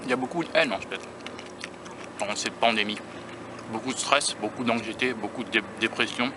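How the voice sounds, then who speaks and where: A man's voice: fairly low pitch, moderate pace. A man from the United States talking casually on a vlog while eating outdoors by a beach, musing and self-conscious, often restarting his sentences. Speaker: food-tasting vlogger. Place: outdoors by a beach near rail tracks. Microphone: handheld camera or phone filming himself. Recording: outdoor traffic and vehicle noise.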